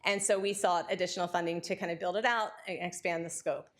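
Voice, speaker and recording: Fast-talking woman lecturer. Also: on the low side. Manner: fast-talking, excited, many fillers. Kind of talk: academic lecture.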